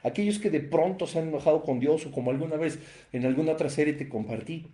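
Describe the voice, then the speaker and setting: Guy preaching, warm dark voice, hammers points by repeating lines. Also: a little high, fast talker, roomy sound. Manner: emphatic, repeats phrases for stress. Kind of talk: sermon-style Bible teaching.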